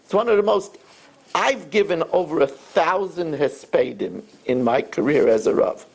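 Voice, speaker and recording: An older man, a rabbi, delivers a sermon full of stories and acted-out voices. His voice is gravelly with a husky edge, and his pitch leaps up and down expressively. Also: normal speed. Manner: animated storyteller who acts out voices.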